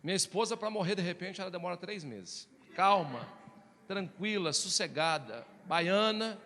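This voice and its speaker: A man preaching a sermon as a pastor, telling personal stories in a lively, animated way and calling out to the congregation as brothers. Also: sits high, moderate pace. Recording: reverberant hall.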